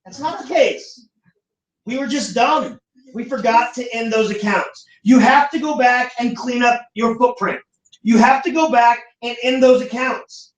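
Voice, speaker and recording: High-voiced male teacher, distant echoey room. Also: a little slow. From United States. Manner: animated, acts out quoted voices. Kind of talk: classroom lecture. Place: classroom. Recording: echoey classroom from far off.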